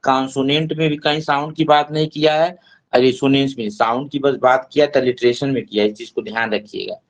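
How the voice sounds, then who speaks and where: A man's voice: medium pitch, fairly even intonation, low-quality recording. Hindi-speaking man teaching English poetry terms. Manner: explains terms slowly, often says "dekhiye", reads English lines slowly. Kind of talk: online class lecture. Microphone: online class mic.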